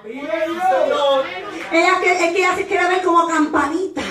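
A woman evangelist delivers a fiery Pentecostal sermon in a very high voice, often breaking into shouts. She is heard from some distance in an echoey church hall. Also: steady tone, slow pace, crowd noise. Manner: impassioned, shouting at peaks, acts out voices of others. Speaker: evangelist preacher.

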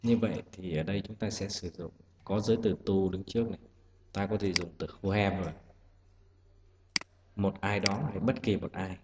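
Male teacher going through exam answers slowly and patiently, lowish voice, hissy echoey recording, mouse clicks. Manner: patient step-by-step explaining. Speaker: English teacher. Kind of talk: exam-prep lesson. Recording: echoey room with loud hiss.

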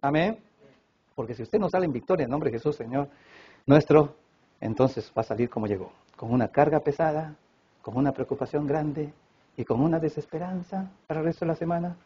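Husky-voiced preacher man, high pitched. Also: fairly quick, lo-fi sound. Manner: emphatic preaching, swinging from loud cries to hushed low stretches. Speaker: pastor. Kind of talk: sermon. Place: church service.

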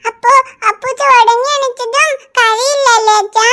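A bright tiny cartoon girl. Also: fairly even intonation, normal speed. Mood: hopeful. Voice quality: high childlike voice. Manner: earnest, soothing toward her baby brother. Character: little girl, caring older sister. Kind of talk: cartoon voice acting.

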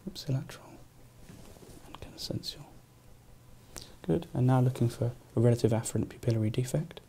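A young British man, a neurology registrar, gives courteous exam instructions in a small consulting room, frequently thanking the patient. His mid-range voice is gravelly, dark and whispered at normal speed, recorded by a camera across the room.

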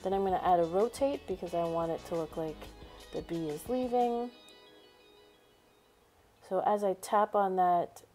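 Woman, screencast tutorial narration, upbeat, step-by-step, lowish mellow voice, faint music behind. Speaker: teacher. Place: voice-over over a screen recording.

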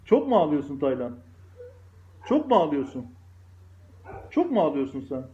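A man's voice: on the high side, sing-song, moderate pace, mellow, a little hiss or hum. A man with a Turkish accent, a father teasing his child at home in a playful, repetitive way. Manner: teasing, repetitive, sing-song. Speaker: father in a family vlog. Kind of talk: playful teasing family chat. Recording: echoey, dull home recording.

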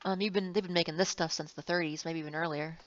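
Wry rambling woman lecturer, low voice. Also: fairly even intonation, fast talker. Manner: rambling, self-correcting, wry asides. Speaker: engineering instructor. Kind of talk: recorded classroom lecture. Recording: dull, slightly muffled, dry sound.

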